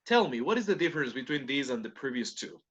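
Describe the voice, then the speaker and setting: A man's voice: mid-range voice, very animated, fairly quick, fairly bright tone, breathy edge. A man teaching an online class, explaining a point step by step and often checking in with his students by asking questions. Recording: dull lo-fi online class audio.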